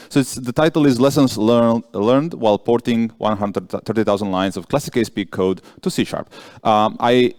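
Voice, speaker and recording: Guy from croatia doing a conference tech talk, lowish voice, dry sound, keeps correcting himself. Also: a little mellow, no echo. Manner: chatty, self-correcting, jokey asides. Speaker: conference speaker.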